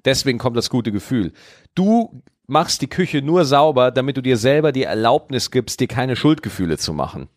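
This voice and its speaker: A man's voice: medium pitch, animated, moderate pace, no room sound, clean studio sound. A man co-hosting a podcast in casual chat, emphatic and opinionated. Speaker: podcast co-host.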